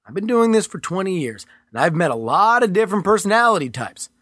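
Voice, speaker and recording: A man reading the part of a cold male federal agent who talks in a smooth, condescending, taunting way. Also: sits high, sing-song, quick pace, a bit bright, dry recording, studio quality, pitched above the performer's own voice, exaggerated voice.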